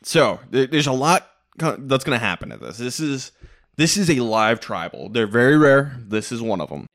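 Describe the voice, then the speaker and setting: A man co-hosting a podcast, recapping reality TV in casual, animated chat with frequent laughs. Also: mid-range voice, moderate pace. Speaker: podcast co-host.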